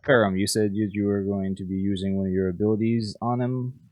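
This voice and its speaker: A man running a tabletop game as game master, narrating haltingly with many restarts. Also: lowish voice, flat delivery, darkish tone, slight background noise.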